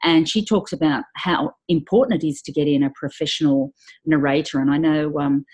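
A woman hosts a relaxed podcast chat, her voice on the low side and a little husky. She talks in a chatty, easygoing way and keeps turning to her listeners with "everybody.". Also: brisk. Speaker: podcast host. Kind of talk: casual podcast interview.

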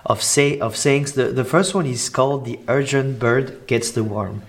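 A man's voice: medium pitch, normal speed. Hesitant man interviewing. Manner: hesitant, many fillers and restarts. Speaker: podcast host, interviewer. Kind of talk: interview questions, casual.

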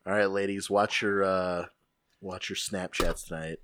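A man's voice: deep voice, level tone, a little slow, a bit bright, smooth, no room sound, studio quality. A man co-hosting a podcast, sarcastic and goofy in casual banter, swearing freely. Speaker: podcast co-host.

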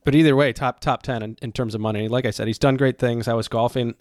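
Talking fast in a steady, mid-range voice with a darkish tone, this man co-hosts a casual sports podcast from a dry, clean studio. He rambles as he stacks up coaching stats, full of fillers, ums and false starts.

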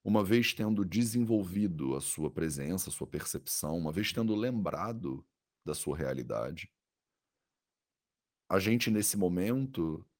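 Brazilian male meditation guide, low-pitched, calm and soothing, leaving space between instructions. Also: a little slow. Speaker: meditation teacher.

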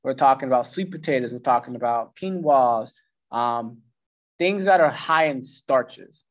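A man's voice: mid-range voice, lively intonation, a little slow, highs cut off. A man giving casual advice on meal timing and food as a coach, talking loosely with slang and filler words. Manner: loose and conversational, slangy, acts out the brain in goofy voices. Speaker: nutrition coach. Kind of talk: casual instructional talk.

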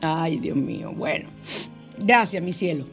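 A woman's voice: deep voice, very animated, measured pace, creaky. Older woman, affectionate radio host, gushing and chatty, light music bed. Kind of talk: spiritual radio call-in show.

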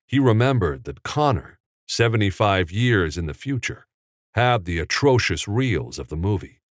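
Deep-voiced man narrating a novel. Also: no room sound, clean studio sound. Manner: measured, steady storytelling. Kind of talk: audiobook narration.

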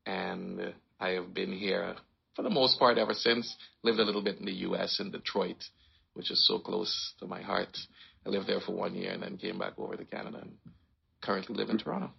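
A man raised in Trinidad and Tobago, telling his life story in a relaxed, rambling way as an interview guest. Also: low voice, a little fast, creaky, husky, highs cut off. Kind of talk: casual conversation.

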